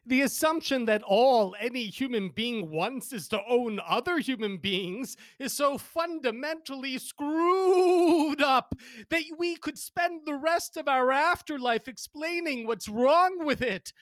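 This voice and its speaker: A stern ghost, put on by a woman, who lectures and moralizes in a high, drawn-out voice. The delivery is slow and deliberate, and the recording sounds dry and close. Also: no room sound. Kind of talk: comic audio sketch acting.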